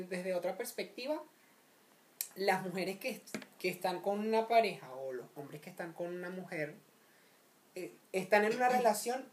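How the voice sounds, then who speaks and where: A woman in casual chat, agreeable and quick to chime in. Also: mid-range voice, a little mellow. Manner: agreeable, chiming in with quick backchannels.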